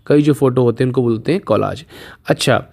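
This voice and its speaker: A man teaching English spelling in a casual video lesson, patiently repeating each question and answer and slowing down to spell words out letter by letter. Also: mid-range voice, creaky, a little mellow. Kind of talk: casual Hindi video lesson with memory tricks.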